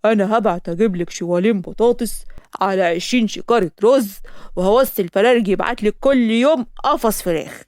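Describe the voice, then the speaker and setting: A woman voicing a gruff middle-aged Egyptian father in an animated storybook, giving flat, matter-of-fact orders. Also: mid-range voice, fast, dry recording, clean studio sound, lightly acted.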